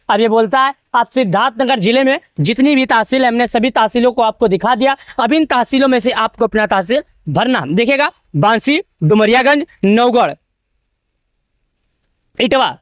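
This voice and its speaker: A woman's voice: a little high, dry recording, clean studio sound. A woman from Uttar Pradesh presenting a news channel, narrating a screen-recorded tutorial step by step and speaking directly to farmers in a repetitive way. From Uttar Pradesh, India.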